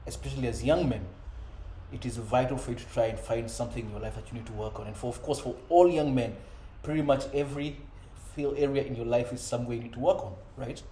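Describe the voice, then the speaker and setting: A man in his thirties talks earnestly to young men about self-improvement. His voice sounds mellow and unhurried. The recording sits in an echoey room with a faint ambient hum behind him. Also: medium pitch. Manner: earnest, conversational, frequent "you know" and "right?". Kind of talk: reflective personal monologue.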